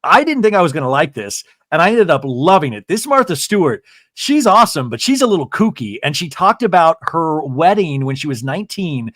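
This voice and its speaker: A man hosts a casual podcast in a somewhat high-pitched voice. He is effusive and gossipy, wandering between thoughts. The sound is dry and close, with no room to it. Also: very animated, fairly quick, fairly bright tone, dry recording. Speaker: podcast host. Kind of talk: casual chat.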